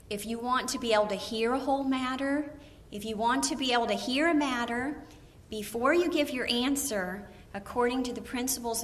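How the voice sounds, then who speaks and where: Bright-voiced woman giving a Bible lesson. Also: a little high. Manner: lively, acts out quoted voices. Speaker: preacher's wife teaching a Bible lesson. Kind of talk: Bible teaching talk.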